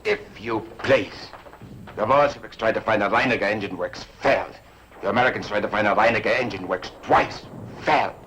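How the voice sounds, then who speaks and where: A man's voice: fairly low pitch, brisk, fairly bright tone, a little hiss or hum, natural voice. A man playing a cold SS interrogator. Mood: insistent. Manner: insistent, clipped interrogation. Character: cold probing SS intelligence major, male, middle-aged.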